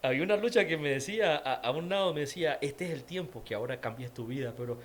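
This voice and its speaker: A man's voice: fairly high pitch, lively intonation, quick pace. A man with a Nicaraguan accent, an interview guest giving a personal faith testimony, repeating words for emphasis. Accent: Nicaraguan Spanish.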